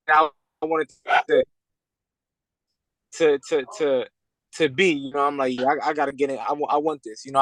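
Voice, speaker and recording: A man in his twenties, from Puerto Rico and raised in Pennsylvania, talking as a boxer guest over a video call in a halting way, full of fillers and repeated words. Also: mid-range voice, dry recording, poor audio. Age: 20s.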